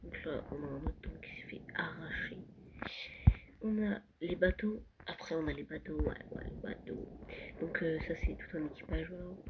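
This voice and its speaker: A young vlogger touring a Minecraft world late at night, often whispering and speaking softly. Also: medium pitch, normal speed, low-quality recording. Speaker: gaming vlogger. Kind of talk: casual Minecraft world tour. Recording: loud background noise.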